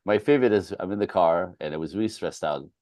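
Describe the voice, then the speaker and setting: Low-voiced man in candid talk. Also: fast, darkish tone, no room sound. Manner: candid, storytelling, self-deprecating. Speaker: relationship coach and co-host. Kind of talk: casual podcast conversation.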